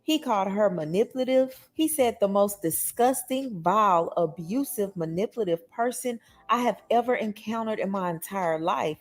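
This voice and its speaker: A woman's voice: mid-range voice, lively intonation, normal speed, hardly any pauses. Conversational woman recapping gossip news. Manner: conversational, explanatory. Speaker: gossip news video presenter. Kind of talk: casual celebrity news recap to camera.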